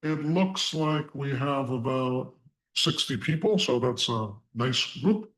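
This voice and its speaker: A man teaching a live online class in deliberate short phrases, his voice disguised as deep and unclear by a voice changer. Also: animated, a bit bright, poor audio. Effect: voice changer giving a disguised deep, Darth Vader-like voice. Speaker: online course instructor. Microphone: online video call through a voice changer.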